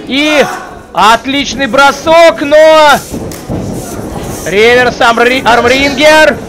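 A man giving live play-by-play as a wrestling commentator, breaking from hesitant analysis into excited exclamations. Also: very high voice, extremely slow. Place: indoor wrestling event hall. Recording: noisy live arena, crowd behind. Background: crowd noise.

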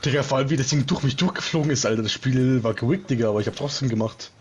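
A man's voice: mid-range voice, very fast, slight background noise. A man bantering and joking in slang while playing an online game with friends over a headset mic. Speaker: gaming squad member. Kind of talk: casual gaming chat.

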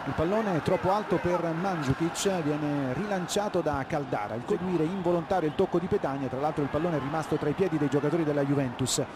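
A man's voice: on the high side, fast, few pauses. A man doing live football play-by-play in clipped phrases, naming players as the move unfolds. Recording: loud stadium crowd noise behind. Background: stadium ambience.

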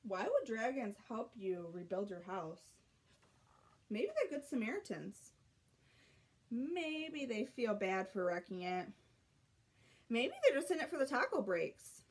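A high-voiced woman gives a lively read-aloud of a children's picture book, drawing out words and pausing for drama. The setting is a small bedroom at home.

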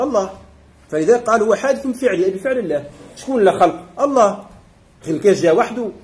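A man's voice: high-pitched, a little mellow. A man with a Tunisian Arabic accent, a sheikh teaching a religious doctrine lesson, explaining step by step and often checking that his students follow. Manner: explanatory, keeps checking the class understands.

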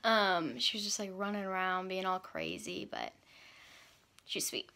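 A woman's voice: lowish voice, huge pitch swings, unhurried, pushed and bright, no room sound. A young woman vlogging in casual chat, upbeat and chatty with lots of fillers, filming herself on a handheld camera. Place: outdoors walking, then store aisles.

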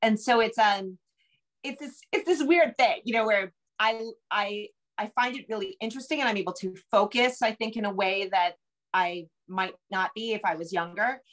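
On a video call from her bookshelf-lined room, a middle-aged American woman talks casually as an interview guest, wandering off track and putting herself down. She writes novels and screenplays, and her medium-pitched voice is fairly bright, moving at normal speed.

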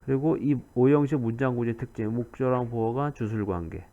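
A man's voice: medium pitch, a little fast, mellow, dull audio. A man giving a recorded grammar lecture, repeating key words and checking in with "right?" often. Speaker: English grammar teacher.

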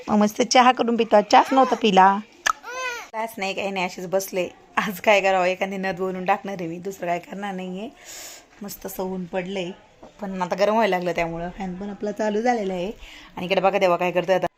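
A woman's voice: medium pitch, fairly even intonation, brisk. Woman home vlogger, casual chatty talk to camera, phone-recorded. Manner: chatty, talks to camera about her day. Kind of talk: casual home vlog chat.

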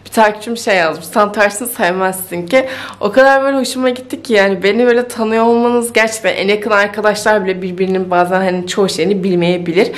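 A woman's voice: medium pitch, steady tone, quick pace, hardly any pauses. A woman chatting casually in a home vlog, thinking aloud and easily amused, with faint music behind her. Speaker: vlogger. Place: home kitchen.

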